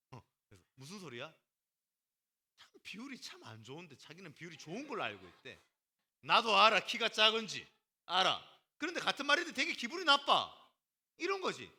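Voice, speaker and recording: A male pastor preaching a lively sermon to a youth group, teasing the students, calling on them by name and acting out what people say. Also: mid-range voice. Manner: animated, teasing, acts out quotes and calls on students by name.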